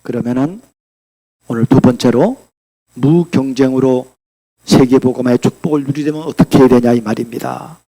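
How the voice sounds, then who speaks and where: Preaching to his congregation, this male pastor throws out rhetorical questions and moves back and forth from booming statements to soft asides. He speaks at a moderate pace with a medium-pitched voice.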